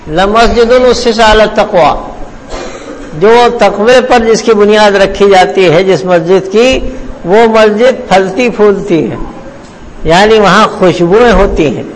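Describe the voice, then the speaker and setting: A man preaching a sermon, telling a story with slow, emphatic pauses. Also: high voice. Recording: long hall reverb, faint room noise.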